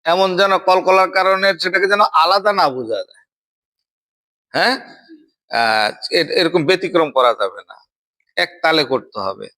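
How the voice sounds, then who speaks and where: A young man teaching Quran recitation, chanting verses slowly and then explaining pronunciation with quick questions to a student. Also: on the high side, lively intonation, bright, forceful tone. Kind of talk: Quran recitation drill lesson.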